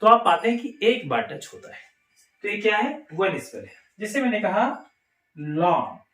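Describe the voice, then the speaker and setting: Male Indian teacher in a classroom, animated questioning delivery, room echo. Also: high voice, moderate pace. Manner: lively, asks the class questions and answers them himself. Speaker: English teacher. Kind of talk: classroom lesson. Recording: echoey room.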